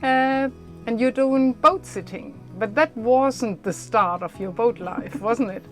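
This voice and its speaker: A woman's voice: fairly high pitch, slow pace. Woman hosting, non-native English, over music. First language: not English. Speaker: host interviewer. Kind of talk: casual interview and video narration. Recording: background music.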